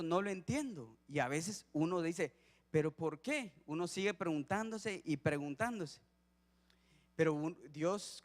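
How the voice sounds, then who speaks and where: Male deacon, fairly high voice, conversational sermon in an echoing church hall. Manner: conversational, acts out dialogue with his son. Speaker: deacon preaching. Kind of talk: sermon with personal story. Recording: long church hall reverb.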